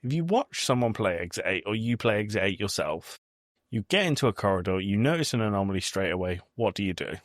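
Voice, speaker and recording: A podcast host co-hosts a casual film review chat, talking bluntly and conversationally with some swearing. His fairly low voice is very animated and fast, recorded in studio quality with no echo.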